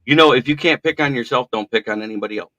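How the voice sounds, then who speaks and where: This is a sports podcast host with a mid-range voice who talks rapid-fire, joking at his own expense and telling animated stories in a trained radio style. The podcast mic recording is dry and muffled.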